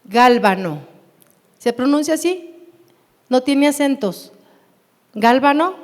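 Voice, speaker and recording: A woman with a Mexican Spanish accent teaching a Bible class in a church, unhurried and often asking her listeners questions. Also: high-pitched. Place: church hall. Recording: long hall reverb.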